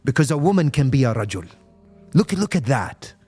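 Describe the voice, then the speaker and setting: A man's voice: medium pitch, big pitch swings, a little fast, a little mellow, breathy edge, faint music behind. A man giving an impassioned live-stream talk on faith, answering viewers' comments and mixing English with Arabic phrases and rhetorical questions. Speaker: Islamic speaker.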